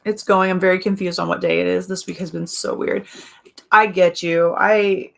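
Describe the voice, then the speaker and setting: Raspy gravelly lady hosting a chill livestream, chatty, reads comments out, laughs a lot. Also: fairly low pitch, steady tone, moderate pace. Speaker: livestream host. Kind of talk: casual chat reading viewer comments.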